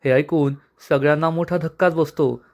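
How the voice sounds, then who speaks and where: A man's voice: fairly high pitch, fairly even intonation, moderate pace, a little mellow. A man recapping a TV serial episode in a dramatic storytelling manner.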